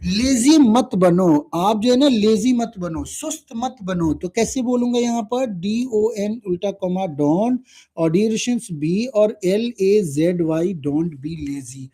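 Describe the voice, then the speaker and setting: Man, live lesson, letter-by-letter spelling, high pitch, mellow. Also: husky. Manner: spells words letter by letter, drills phrases slowly. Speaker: English teacher.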